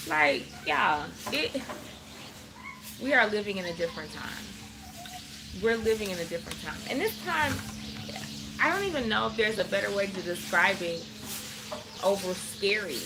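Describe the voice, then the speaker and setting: A woman's voice: mid-range voice, lively intonation, normal speed. A woman born in America to Trinidadian parents, talking earnestly to her viewers from an outdoor balcony at dusk. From United States, Trinidadian parents. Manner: chatty, earnest, addresses viewers as y'all. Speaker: vlogger and workshop host. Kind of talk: casual motivational vlog. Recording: outdoor phone video with loud ambient noise. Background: birds chirping and kids playing.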